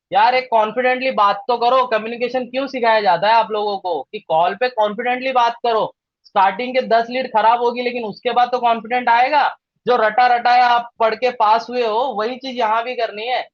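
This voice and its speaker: A man coaching trainees in a live session, talking directly and checking in often with a quick question. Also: very high-pitched, fairly even intonation, dry recording, muffled recording. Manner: direct, coaching, repeats "ठीक है?". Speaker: digital marketing trainer.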